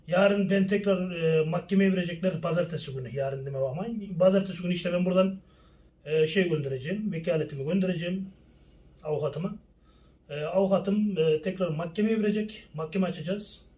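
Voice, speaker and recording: Angry high-voiced man ranting. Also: brisk, dark tone, recorded from a distance. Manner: heated, repetitive, rhetorical questions. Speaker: social media personality. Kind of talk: angry personal rant to followers.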